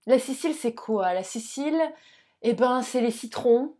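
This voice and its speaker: A young woman teaching Italian in a relaxed video lesson. Her voice sits a little high, and she chats and jokes as she talks straight to the viewer. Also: normal speed. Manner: chatty, jokey, addresses viewer directly.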